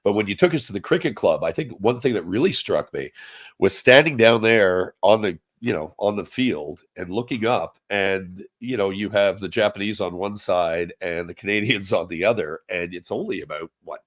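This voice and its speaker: A man's voice: lowish voice, moderate pace. A man co-hosting a podcast as a historian, prompting the guest in casual conversation.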